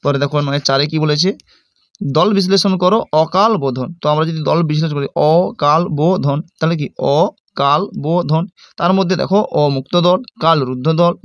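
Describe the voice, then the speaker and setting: A brisk male teacher with a Bengali accent from West Bengal reads out exam questions and then explains each answer directly to his students. His voice sits a little high for a man and moves at a fast clip. The sound is close and dry, with no room around it. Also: dry recording, dull audio. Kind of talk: exam-prep lesson.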